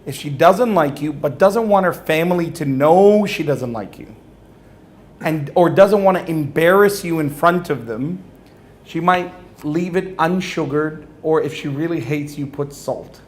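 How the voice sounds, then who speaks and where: A man's voice: on the high side, unhurried. A religious speaker, a man, telling a humorous personal story to an audience, acting out the dialogue and often laughing.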